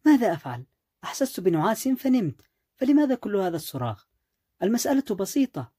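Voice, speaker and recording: A man's voice: mid-range voice, expressive, fairly quick, mellow, husky. A man voicing a lazy, carefree young wife who talks in a nonchalant, dismissive way. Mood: careless.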